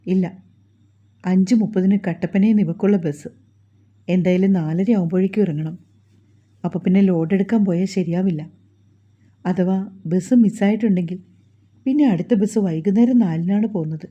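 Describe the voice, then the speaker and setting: A woman voicing a gruff, short-tempered grown man in a storybook reading, speaking in a stern and curt way, on a dull lo-fi recording. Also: on the low side, moderate pace, pauses often, warm tone, natural voice.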